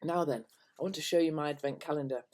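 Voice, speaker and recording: An older woman with a deep voice talks fast to camera in a casual, rambling informal vlog made indoors at home. Chatting to her viewers, she sounds hesitant and meandering, and her phrases often trail off softly.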